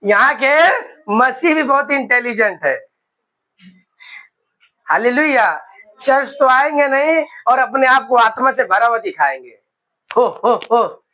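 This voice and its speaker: A young male preacher in his twenties with a very high, bright and forceful voice. He delivers a sermon, calls out hallelujah again and again, and drags out key words for emphasis. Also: expressive, low-quality recording. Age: 20s. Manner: exclaims hallelujah often, slows for emphasis.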